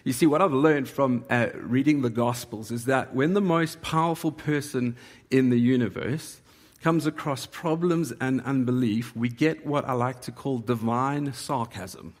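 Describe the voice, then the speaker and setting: Male pastor, mid-pitched and slightly husky, conversational sermon delivery in a big reverberant hall. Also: measured pace. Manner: conversational preaching, acting out quoted voices.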